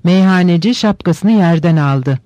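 A man reading a novel aloud in steady, measured scripted narration. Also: sits high, no echo.

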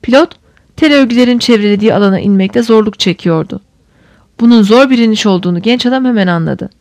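A woman reading a novel aloud in steady, measured audiobook narration. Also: on the high side, dry recording.

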